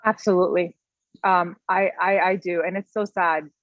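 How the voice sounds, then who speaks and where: A woman's voice: on the low side, fairly even intonation, moderate pace, no room sound. A woman in her thirties, a guest author, talking in an earnest, emotional and personal way in a casual interview. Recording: dull, slightly lo-fi, dry sound.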